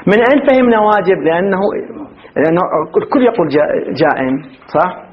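A man's voice: sits high, big pitch swings, brisk, lo-fi sound. A man teaching a grammar lesson who asks his students questions and then answers them himself, often repeating and restarting his phrases. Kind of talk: grammar lecture.

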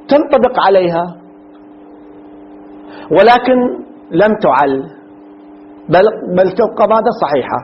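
A man's voice: high-pitched, a little hiss or hum. A man teaching a classroom lecture, posing questions and answering them himself, repeating key terms. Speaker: teacher of Arabic morphology. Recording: dull lo-fi recording.

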